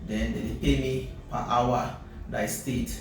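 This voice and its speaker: A company CEO with a Nigerian accent, appearing as an interview guest, speaks in an unhurried, flat, mid-range voice, mixing English with Nigerian Pidgin and often checking he's understood. A crowd can be heard behind him, and the recording is very echoey, noisy, and captured on a distant mic.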